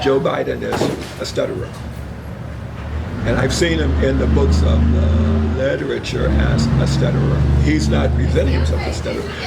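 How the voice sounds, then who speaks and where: An older man who is a minister and a retired engineer tells his story in an interview, measured and reflective. He has a mild stutter, occasionally swaps words, and speaks in a mid-range voice with vocal fry over loud background noise.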